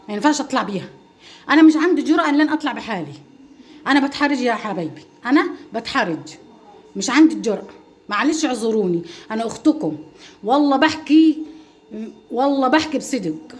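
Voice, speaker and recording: A middle-aged woman speaks in a livestream reply to her critics. Her voice is high and her talk rushes along. She pleads and presses each point, repeating herself for emphasis. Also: darkish tone. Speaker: mother and home-cooking vlogger.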